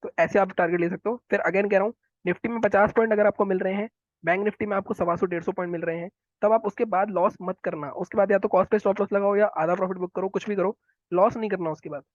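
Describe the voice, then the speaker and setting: A man talking viewers through market charts, quick and instructive, often repeating his phrases. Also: sits high, fairly even intonation, dry recording, lo-fi sound. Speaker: stock market analyst. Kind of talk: chart analysis walkthrough.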